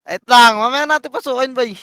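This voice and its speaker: A man calling shots for his team in live game voice chat, barking rapid commands and countdowns and swearing. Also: very high voice, a bit bright, smooth, no echo. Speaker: team shotcaller.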